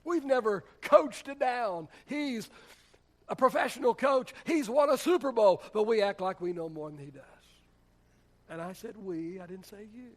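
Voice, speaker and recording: A man's voice: high-pitched, normal speed. A man, a pastor, preaching a sermon in a church in a conversational, humorous storytelling way. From United States.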